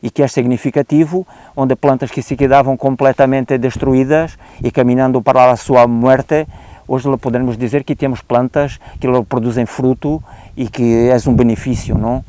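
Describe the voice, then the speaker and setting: A man's voice: mid-range voice, steady tone, normal speed, mellow, no room sound. A man from Portugal with a European Portuguese accent, giving an unscripted explanatory talk on a country estate, hesitant, with frequent "eh" fillers and restarts, and slipping Spanish words into his speech. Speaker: guest expert on oak disease.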